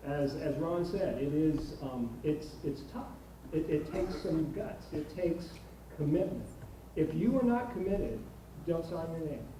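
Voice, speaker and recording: Male ceremony host, higher-pitched but very mellow, halting and repetitive, echoey distant auditorium. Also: animated. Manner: halting, repeats words. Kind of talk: informal ceremonial address. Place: large auditorium. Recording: very echoey hall, distant, faint noise.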